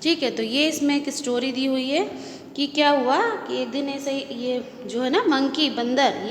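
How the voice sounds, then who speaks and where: Casting: woman school teacher, high voice, repetitive checking-in style, long echoey room. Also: a little hiss or hum. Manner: repetitive, checks with "okay?", mixes in English words. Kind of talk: recorded Hindi class lesson.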